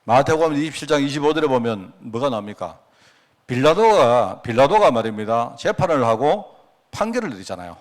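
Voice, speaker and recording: A man's voice: mid-range voice, sing-song, fairly quick. A man pastor giving a midweek church sermon, pressing his listeners with constant rhetorical questions.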